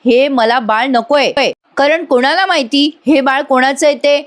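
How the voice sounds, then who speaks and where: A woman's voice: high-pitched, measured pace, pitched above the performer's own voice. A woman voicing an angry young man who accuses his wife and rejects her claim. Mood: firm. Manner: harsh, accusing. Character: angry young husband Ashwin, cold and accusing.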